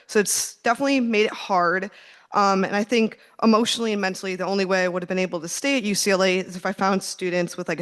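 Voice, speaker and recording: A young woman from Minnesota giving an earnest public comment, often pausing with fillers. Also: mid-range voice.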